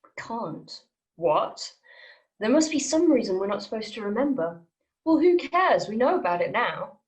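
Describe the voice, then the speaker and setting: At a script table read, a woman voices the guarded, secretive leader of a hidden group. Her fairly high, sing-song voice stays hushed, measured and serious, with a wary mood.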